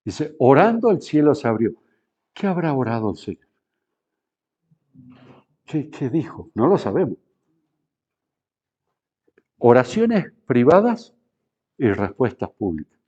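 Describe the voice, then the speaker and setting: Middle-aged male pastor, lively sermon delivery, warm mellow voice, slightly muffled recording. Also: mid-range voice, slow, pauses often, slightly rough. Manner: animated preaching that shifts between hushed and raised.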